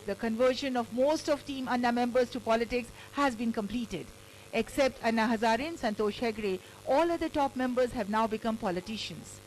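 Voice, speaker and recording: In a fairly high voice, a female reporter with an Indian accent narrates a scripted news package. The audio quality is poor, with a faint hum in the background.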